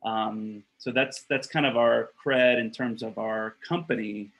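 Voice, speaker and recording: This block producer candidate from Costa Rica, an earnest, blunt man in his thirties, pitches for election on a webcam call from a small indoor room lined with wooden shelves. He speaks unhurriedly in a mid-range voice with a level pitch, restarting phrases and leaning on "um" and "uh" between points, and the recording is low quality.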